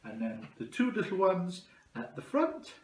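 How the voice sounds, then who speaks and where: A man's voice: high-pitched, sing-song, unhurried. A man presenting a children's craft demonstration, explaining it step by step. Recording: echoey room with music.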